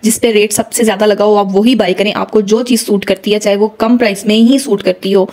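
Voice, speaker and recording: A woman's voice: mid-range voice, steady tone, fairly quick. A young woman chatting casually to her viewers in a family vlog. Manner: chatty, warmly addressing viewers. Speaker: family vlogger.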